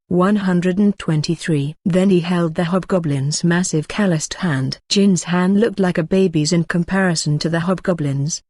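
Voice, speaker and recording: A woman reading a web novel aloud as an audiobook narrator, in an even, flat way. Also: fairly low pitch, dry recording, studio quality.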